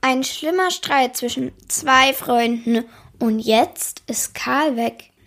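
A woman's voice: sits high, slow pace, fairly bright tone. A woman hosting a book reading, introducing passages in a friendly, explaining way. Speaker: host.

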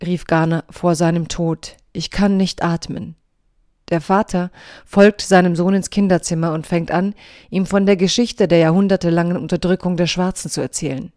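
Woman, podcast essayist: slightly low voice, measured and earnest scripted reading, dry close recording. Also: mellow, no echo.

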